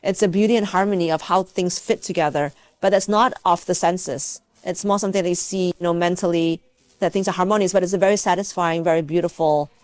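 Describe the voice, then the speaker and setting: In a fairly low, fairly even voice with no echo, a Malaysian scientist who also teaches at university gives reflective interview answers. She speaks conversationally but haltingly, feeling her way toward each word.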